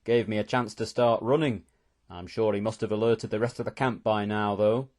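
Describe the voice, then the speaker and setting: A man's voice: lowish voice, fairly even intonation, normal speed, darkish tone, pitched below the performer's own voice, natural voice. A man doing a rattled, grumbling older man. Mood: shaken.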